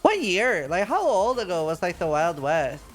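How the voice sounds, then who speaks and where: A man's voice: high-pitched, very animated, moderate pace, soft background music. A man from Norway, a game streamer rambling in casual chat, full of fillers and restarts.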